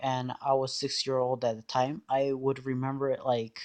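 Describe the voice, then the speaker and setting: A man giving a casual explanatory monologue in a hesitant, halting way, often trailing off. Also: mid-range voice, monotone.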